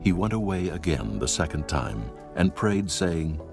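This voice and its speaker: A man narrating scripture in a steady, measured storytelling manner, with music behind. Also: low voice, creaky.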